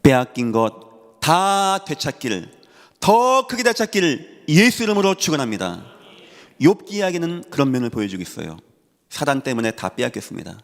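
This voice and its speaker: A man's voice: fairly low pitch, vocal fry. Korean man preaching in a hall. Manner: emphatic preaching with rising exhortations. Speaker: pastor. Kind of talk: sermon. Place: large church sanctuary. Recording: long reverb of a church hall.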